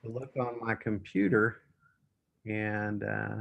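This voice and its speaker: A man leading a team meeting over a group video call stops and restarts often and fills the gaps with fillers. He talks slowly. The call audio is muffled and dry. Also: lowish voice, flat delivery, creaky, dry recording. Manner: halting, full of fillers and restarts. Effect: heard over a group video call. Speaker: real estate office leader running a team meeting. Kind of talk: presenting to his team in an online meeting.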